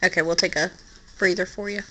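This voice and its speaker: A woman's voice: lowish voice, fairly even intonation, brisk, pushed and bright, slight background noise, poor audio. Encouraging woman in casual family chat. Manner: encouraging, reassuring. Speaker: granddaughter prompting and listening.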